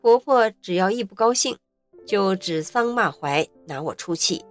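A woman narrating her own life story in an earnest, expressive way. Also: medium pitch, a little slow, faint music behind. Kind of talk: first-person story narration.

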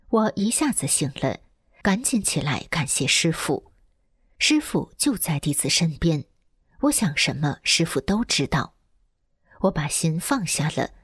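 Low, husky woman reading a testimony. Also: no room sound, clean studio sound. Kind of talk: first-person testimony narration, read aloud.

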